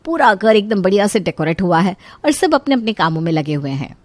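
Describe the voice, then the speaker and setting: A woman narrating a children's cartoon story in a lively, playful manner. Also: mid-range voice, a little fast, dry recording.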